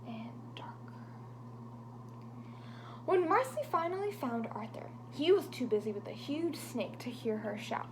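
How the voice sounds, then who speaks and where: Reading a picture book to kids, this woman speaks high and unhurried, leaving long pauses against a noisy background. She's lively, whispers to build suspense, and makes chatty remarks to the little listeners.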